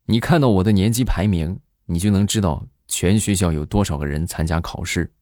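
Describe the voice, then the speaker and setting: With a low voice and a brisk delivery, a middle-aged joke show host tells funny stories in monologue form, animatedly performing each quoted voice. There's no echo on the recording.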